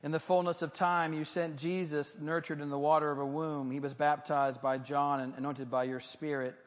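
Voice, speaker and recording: Higher-pitched male pastor in cathedral-like echo. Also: little pitch movement, moderate pace. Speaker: pastor leading a baptism reaffirmation service. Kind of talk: liturgical reading and prayer before a congregation. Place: large reverberant church. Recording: muffled recording with long church reverb, cathedral-like echo.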